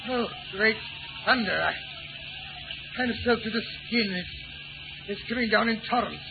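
An actor playing a flustered, loyal British gentleman sidekick, drenched and cold, blustering and stammering in an old radio drama. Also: high voice, moderate pace, vocal fry, over music. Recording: tinny, noisy old radio recording.

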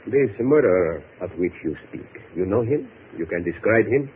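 Male actor as formal Cuban police chief, politely probing, lively intonation, vintage radio drama with tinny sound. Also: on the low side, close to an everyday voice. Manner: formal, measured, foreign phrasing. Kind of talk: 1940s-50s radio drama acting. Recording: tinny, faintly noisy old radio recording.

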